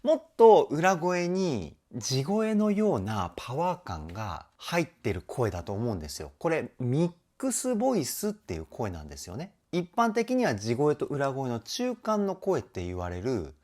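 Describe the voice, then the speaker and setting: A male vocal trainer hosts his channel, reacting to a music video and enthusiastically explaining singing technique, breaking into short sung demo phrases. His medium-pitched voice is sing-song and darkish, moving at a moderate pace with few pauses.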